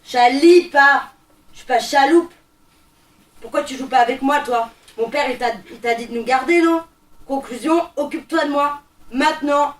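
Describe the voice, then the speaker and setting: A woman's voice: high voice, fairly even intonation, normal speed, natural voice. A woman reading the part of a bossy, restless eight-year-old child in a stage play reading, demanding and cheeky. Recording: roomy, distant mic.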